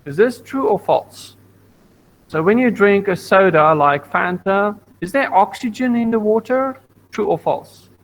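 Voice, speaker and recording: A man's voice: high-pitched, animated, unhurried, slight background noise, poor audio. A man teaching a science lesson to a primary school class over an online video call, patient, repeating points and asking the class questions. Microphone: computer mic on video call.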